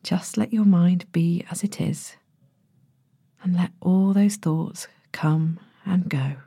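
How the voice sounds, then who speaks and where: Woman, sleep story narrator, mellow and low-toned, gentle hushed delivery, long pauses. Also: fairly even intonation, gravelly, breathy edge, no echo, clean studio sound. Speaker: podcast host, sleep meditation narrator. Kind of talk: soothing sleep story narration, guided relaxation.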